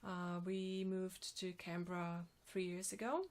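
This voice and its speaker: A woman in her forties from Slovenia, with a Slovenian accent, answering interview questions about her design work with many pauses and ums. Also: on the low side, flat delivery, darkish tone. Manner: hesitant, many ums and restarts. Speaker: graphic designer, guest.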